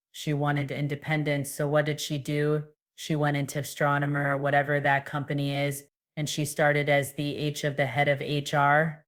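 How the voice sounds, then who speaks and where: A woman giving casual, sarcastic gossip commentary and reading news quotes aloud. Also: sits low. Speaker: commentary vlogger.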